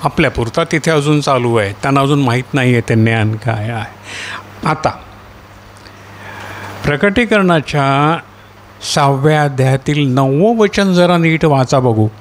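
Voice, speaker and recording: A male pastor preaches an animated yet unhurried sermon, questioning his congregation and echoing the reader's words. He climbs to a high, fervent pitch when voicing the martyrs' plea, and a little hiss or hum runs under the recording.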